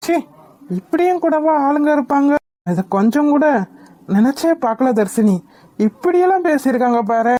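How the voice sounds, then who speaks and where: A woman's voice: high-pitched, animated, normal speed, mellow, dry recording. A woman voicing a protective young man in a cartoon, speaking with heated indignation. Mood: indignant. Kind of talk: cartoon voice acting.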